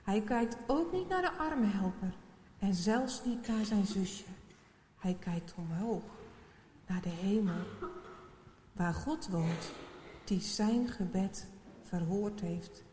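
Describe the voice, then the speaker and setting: Slow, measured woman storyteller. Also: medium pitch. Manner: slow, measured, expressive reading. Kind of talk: reading a children's Bible story aloud. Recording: roomy hall with faint hiss.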